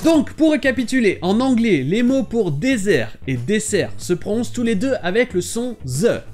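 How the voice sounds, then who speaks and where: A man gives a scripted pronunciation lesson, spelling out each sound clearly and modelling words slowly. His delivery rises and falls in a lively way, with faint music playing under his voice-over. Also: high voice. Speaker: English teacher and channel host. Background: soft background music.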